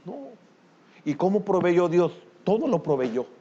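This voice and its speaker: An older man preaching a sermon as pastor, with a Salvadoran Spanish accent, who bursts into loud exclamations and then drops to a low murmur. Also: very animated, measured pace, husky, lo-fi sound.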